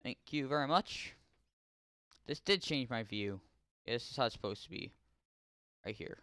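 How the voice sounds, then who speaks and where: A young man casually commenting on his gameplay, chatting to in-game characters and yelling curses when startled. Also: medium pitch, animated, moderate pace, no room sound, clean studio sound. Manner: yells and swears when startled. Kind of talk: casual let's-play commentary.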